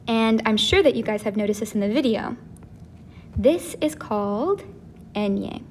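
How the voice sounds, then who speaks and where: A woman teaching a casual video lesson, who explains slowly and repeats each sound. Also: a little high, darkish tone, a little hiss or hum. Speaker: Spanish teacher.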